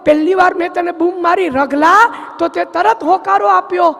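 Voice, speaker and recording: A demanding master scolds and questions his servant in a loud, high voice, acted out by a man on stage. Long reverb from the big hall trails after his lines. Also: normal speed, creaky, heavily acted. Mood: scolding.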